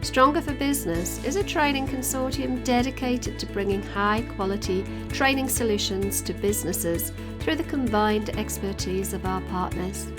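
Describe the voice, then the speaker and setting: A woman's voice: mid-range voice, moderate pace, hardly any pauses, music in the background. A woman hosting a podcast, reading a scripted welcome and then chatting with her guests. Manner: bright and welcoming in the intro, chatty when hosting. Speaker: podcast host.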